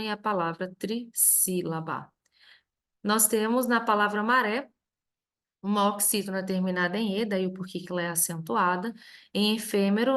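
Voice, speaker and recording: Brazilian lady teacher going over grammar, steady, punches each example word. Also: mid-range voice. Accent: Brazilian Portuguese. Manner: clear, step-by-step explanation with stressed example words. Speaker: Portuguese teacher. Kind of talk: reviewing a grammar lesson.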